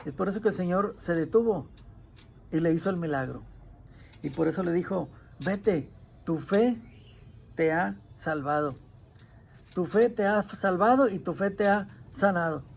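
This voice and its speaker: A man's voice: sits high, normal speed, vocal fry, slight background noise. A male pastor preaching a sermon earnestly, retelling a story and crying out the pleas he quotes.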